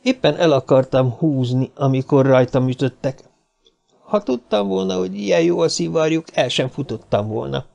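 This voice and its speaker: A man's voice: expressive, creaky, a little mellow. A man voicing a small, nervous, cigar-smoking man who puts on a cheeky front and stammers when frightened, in an audiobook reading. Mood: defensive. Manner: stammering when scared, high and quick.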